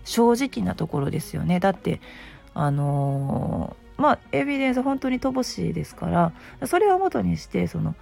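A middle-aged woman with a very gravelly, just-woken hoarse voice, pitched on the low side. She hosts a casual solo talk with a chatty, self-deprecating manner. Faint music plays behind her. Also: very animated, moderate pace, darkish tone. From Osaka, Japan. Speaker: host, aromatherapy shop presenter.

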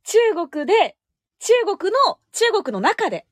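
Woman co-host, very high lively voice, polite casual radio chat, close dry sound. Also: slow pace, no room sound. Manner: animated, polite, often laughing. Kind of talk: casual chat between co-hosts.

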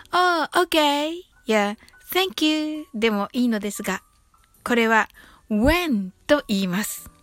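A woman with a fairly high voice gives a friendly English conversation lesson, polite and lively, popping into playful acted quotes. Her voice is close and dry, with faint music underneath. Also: no room sound.

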